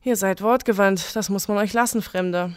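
A woman's voice: medium pitch, normal speed, no room sound, clean studio sound, close to an everyday voice. A woman voicing an earnest, lovesick young squire who speaks formally in a spoken legend.

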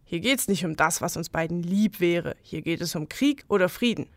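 A woman's voice: on the low side, moderate pace, no echo, lightly acted. Woman voicing a stern medieval prince. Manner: firm, commanding. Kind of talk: audio legend reading.

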